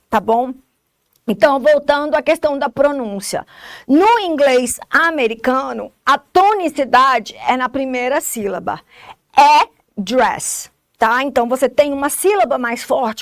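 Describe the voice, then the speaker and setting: This is a close, dry recording of a female English teacher with a Brazilian Portuguese accent and a high voice. She works through a lesson one step at a time and often adds short tags to make sure her students are following.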